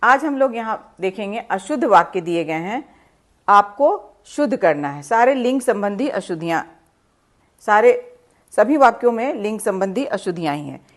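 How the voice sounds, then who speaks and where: A woman teaching a grammar lesson, patiently explaining step by step with examples and reading example sentences slowly and deliberately. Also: a little high.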